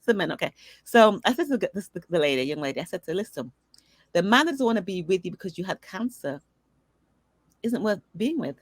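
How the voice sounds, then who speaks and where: A middle-aged woman, an interview guest, telling personal stories in a lively, conversational way and acting out the voices of people she quotes. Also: medium pitch, a little fast, no room sound. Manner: animated storyteller who acts out dialogue. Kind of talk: conversational storytelling.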